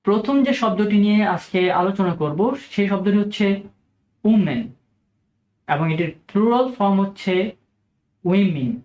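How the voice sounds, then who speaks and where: A man from Bangladesh, teaching English pronunciation in a video lesson and repeating each example word slowly and deliberately. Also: sits high, darkish tone, lo-fi sound. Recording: echoey room.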